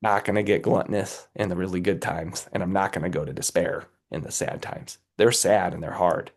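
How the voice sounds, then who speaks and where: A man with a cold and a raspy voice, a company executive giving earnest, motivational answers as a guest in an interview, often checking in with "right?". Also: deep voice, steady tone, a little fast. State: has a cold, under the weather.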